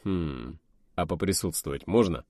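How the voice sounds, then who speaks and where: A man voicing an older male fleet admiral who speaks quietly and evenly with dry humor. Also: deep voice, expressive, a little slow, no room sound. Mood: calm.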